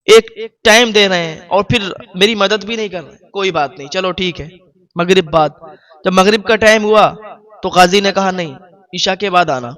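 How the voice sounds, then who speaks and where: A man's voice: high voice, fairly bright tone. A man narrating an emotional moral story, with repetitive phrasing and preachy asides to the listener.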